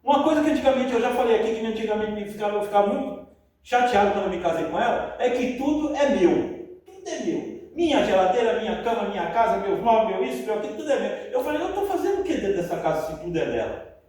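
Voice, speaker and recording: A man preaching a sermon about marriage, chatty and animated, often laughing as he talks. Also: high-pitched, fast. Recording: echoey room, mic far off.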